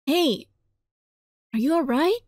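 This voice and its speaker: A woman hosts a gaming video in a high-pitched, slow voice, giving a dramatized reading of a visual novel with giggly asides. The recording is dry and clean like a studio, though game music sits behind her voice.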